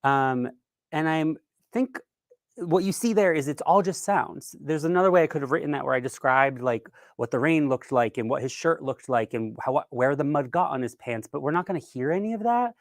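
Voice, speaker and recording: At a virtual event, a man with a somewhat high, expressive voice gives an informal instructional keynote at normal speed. He explains things conversationally and a bit hesitantly from a dry room, in a dry, studio-quality recording.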